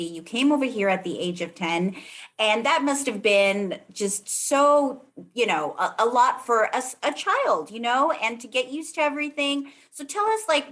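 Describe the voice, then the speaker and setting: A woman from Los Angeles co-hosting a talk show, asking questions in an eager, animated way. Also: on the high side. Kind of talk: interview questions.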